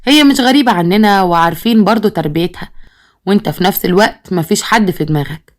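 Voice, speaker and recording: Woman narrator reading a bossy Egyptian father, quick and scolding. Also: mid-range voice, natural voice. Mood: stern. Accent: Egyptian Arabic. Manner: commanding, scolding. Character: stern, bossy village father who favors his daughter-in-law.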